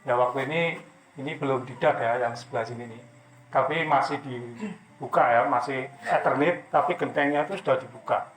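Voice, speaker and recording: A man's voice: mid-range voice, a little fast, a bit bright, slight background noise. A man preaching and telling a personal testimony in a loose, repetitive way. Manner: loose, repetitive talk with many fillers. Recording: echoey room.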